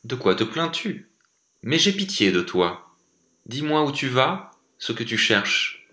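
A man's voice: medium pitch, big pitch swings, takes it slowly, bright, forceful tone, voice pushed up, heavily acted. A man voicing a big grey talking wolf, a stern but loyal helper who scolds and then forgives, in a storybook reading. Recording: echoey room.

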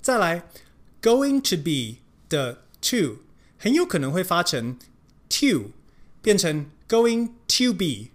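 An English pronunciation teacher giving a language lesson, explaining in Mandarin and modeling English words slowly and repeatedly. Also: medium pitch, very animated. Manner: switches between Mandarin explanation and English examples.

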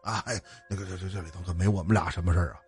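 A man's voice: sits high, huge pitch swings, quick pace, breathy edge, soft background music, pitched above the performer's own voice, full character voice. A man doing a nervous, fawning underworld soul-catcher.

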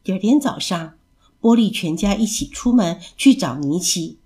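A woman storyteller reading a children's story aloud in an expressive, animated way. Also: mid-range voice, normal speed.

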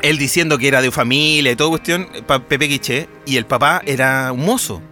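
Bright-voiced Chilean man telling stories. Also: mid-range voice, fairly quick, faint music behind. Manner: animated storyteller, acts out characters' lines. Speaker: podcast co-host. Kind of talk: casual chat about films.

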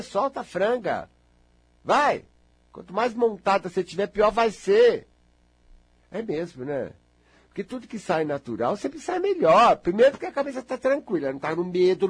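Lively, husky man talking to listeners. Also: no room sound. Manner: animated, chatty, addresses the audience as "gente"; acts out quoted voices with big pitch jumps. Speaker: speaker giving life advice. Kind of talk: casual motivational monologue.

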